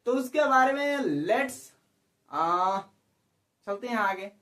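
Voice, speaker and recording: A man's voice: very high voice, expressive, takes it slowly, pushed and bright. A male biology teacher giving an exam-prep lecture, who keeps asking rhetorical questions, repeats key terms and checks that students follow. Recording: echoey room, speaker far from the mic.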